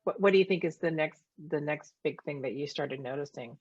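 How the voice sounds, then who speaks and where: A woman's voice: low voice, a little fast, darkish tone, breathy edge, no room sound, highs cut off. A woman hosting a video call interview, encouraging guests and restarting her questions as she goes.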